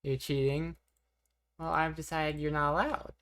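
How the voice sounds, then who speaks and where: Super deep-voiced woman streamer, laid back, chatting with chat and joking at herself. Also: level tone, a little slow, a bit bright, clear, resonant tone. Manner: rambling, self-deprecating, reacting to chat. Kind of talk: casual live-stream chat.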